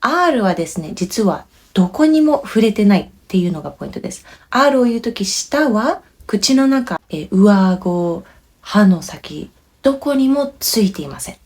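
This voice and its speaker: A woman with a Japanese accent giving a bilingual pronunciation lesson, explaining clearly and patiently and demonstrating words. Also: medium pitch, sing-song, moderate pace, a little mellow. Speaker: language teacher.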